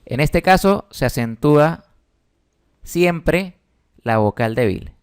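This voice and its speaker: A man's voice: a little high, animated, slow pace, clean tone. A man, patiently explaining a spelling lesson with emphatic stresses. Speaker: teacher.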